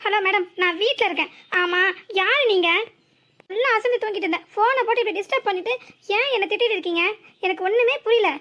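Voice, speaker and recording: Cartoon: a voice actor as a groggy young man, southern Tamil Nadu accent, high-pitched and hurried. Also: bright, forceful tone. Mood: bewildered. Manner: pleading, groggy complaints. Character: sleepy young man, bewildered and pleading. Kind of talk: cartoon voice acting.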